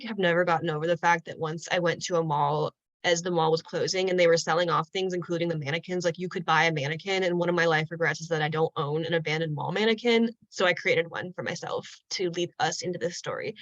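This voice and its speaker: A woman's voice: lowish voice, no echo, muffled recording. Chatty woman on a video call. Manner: chatty, animated, lots of "like" and "right?". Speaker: artist presenting a project. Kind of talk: casual live presentation on a video call.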